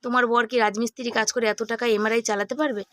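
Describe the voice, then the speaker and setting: A middle-aged woman vlogger, hoarse from a cold, chatting casually to her viewers while she cooks in her home kitchen. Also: a little high, fairly even intonation, fast, fairly bright tone, dry recording. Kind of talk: casual cooking vlog chat.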